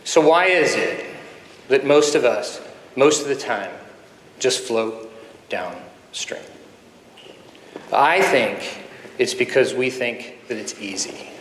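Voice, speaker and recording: A man in his fifties, a surgeon giving an earnest keynote speech full of anecdotes, with pauses and fillers, at a podium microphone in a conference hall. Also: medium pitch, fairly bright tone, slight background noise. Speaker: guest speaker, surgeon. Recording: echoey hall with faint ambience.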